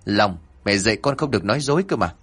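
A man's voice: fairly low pitch, expressive, quick pace, fairly bright tone, husky. A man voicing a frightened, stern middle-aged mother in a spoken ghost story, with a scolding, alarmed manner.

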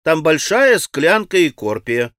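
Man voicing a bossy teen girl, high and loud, ordering everyone about. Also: sing-song, unhurried, no room sound, clean studio sound. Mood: urgent. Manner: commanding, urgent, loud. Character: impetuous bossy teenage girl, imperious.

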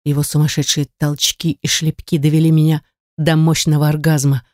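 A woman narrating a first-person erotic audiobook in an even, intimate storytelling voice on a close mic. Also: sits low, normal speed, no room sound. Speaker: audiobook reader.

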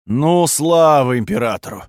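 A man voicing a gruff, irritable male security colonel who barks his orders with exasperation. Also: mid-range voice, lively intonation, normal speed, no room sound, studio quality, natural voice. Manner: barking, exasperated.

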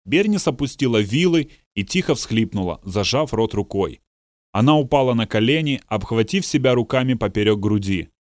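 A man narrating a thriller audiobook in a steady, dramatic way. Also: medium pitch, normal speed, no echo, studio quality. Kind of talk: scripted narration.

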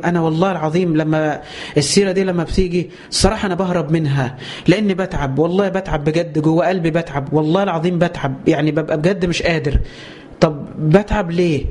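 Fast high-voiced Egyptian preacher. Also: male voice. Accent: Egyptian Arabic. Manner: emotional, emphatic, repeats oaths; addresses listeners directly. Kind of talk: religious lesson.

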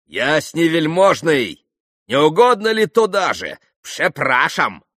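A man voicing a hot-headed young man who exclaims excitedly. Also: lowish voice, slow pace, no echo, studio quality, heavily acted. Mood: excited mocking.

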